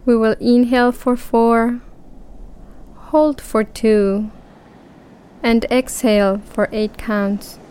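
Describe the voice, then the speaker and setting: A woman guiding a relaxation breathing exercise, speaking calmly and counting breaths aloud with long pauses. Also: fairly high pitch, a little hiss or hum. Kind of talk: guided relaxation script.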